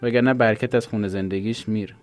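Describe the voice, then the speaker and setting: A man's voice: on the low side, fairly even intonation, faint music behind, voice pushed up, lightly acted. A man voicing a kindly, firm middle-aged father speaking to his sons. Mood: insistent. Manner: warm but firm.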